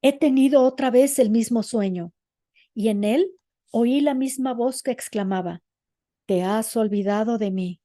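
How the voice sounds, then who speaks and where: A woman voicing an elderly female seer who talks with urgent, hushed certainty. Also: a little high, a little slow, no room sound, studio quality, lightly acted.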